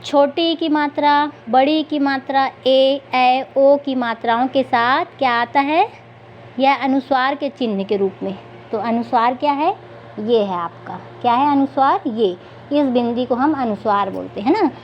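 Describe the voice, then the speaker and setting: A woman with a high voice teaches young children to read, putting a question to them and then answering it herself. She draws words out slowly when she reads them aloud. The recording sounds dull and lo-fi, with a faint hiss behind her. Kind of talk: Hindi reading lesson for young children.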